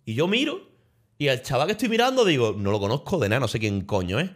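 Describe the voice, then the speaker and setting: Speaking fast at a medium pitch, this young man from Spain recounts a travel story for his stream. His Spanish accent comes through as he chats casually, animated and laughing, with plenty of swearing.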